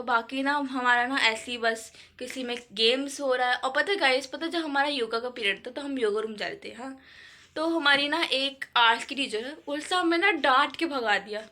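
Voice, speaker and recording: A woman's voice: sits high, sharp tone. A teenage girl vlogging about her school day in a chatty, rambling way. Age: teens. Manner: chatty, filler-heavy storytelling. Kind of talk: casual vlog chat.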